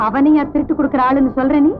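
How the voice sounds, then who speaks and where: A woman's voice: sits high, steady tone, quick pace, over music, natural voice. An actress playing a stern, honest woman police officer who speaks firmly and scolds, in 1990s film dialogue. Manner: firm, scolding, commanding. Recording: dull old film soundtrack.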